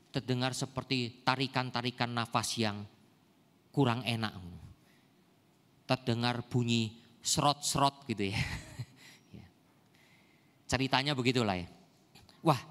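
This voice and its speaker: A man's voice: mid-range voice, fairly bright tone. An older man preaching a sermon in a church service, often asking the congregation rhetorical questions. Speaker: pastor. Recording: echoey church hall.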